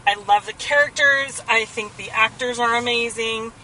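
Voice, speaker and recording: An enthusiastic woman co-hosting a podcast in casual, chatty talk. Her voice is bright and a little high. She sits back from the mic, with faint noise behind her. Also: normal speed, distant mic, rough recording. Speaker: podcast co-host. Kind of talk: casual chat.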